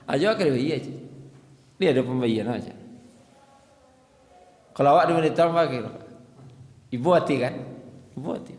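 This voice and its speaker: A man delivers a storytelling sermon, jumping into quoted voices and laughing along. His mid-pitched voice rings through a large, echoey hall with a long reverb tail. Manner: animated storytelling, acting out quoted dialogue with laughter. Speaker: Islamic preacher.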